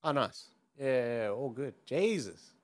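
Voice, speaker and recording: Lively-voiced podcast co-host, reacting. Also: male voice, medium pitch, measured pace. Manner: reacts with short exclamations. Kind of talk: casual chat, signing off the show.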